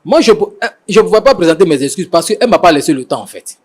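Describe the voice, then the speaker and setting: A young man, a husband, defending himself in a halting way that keeps circling back to the same points. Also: high voice, lively intonation. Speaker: husband being mediated. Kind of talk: defensive explanation on a mediation show.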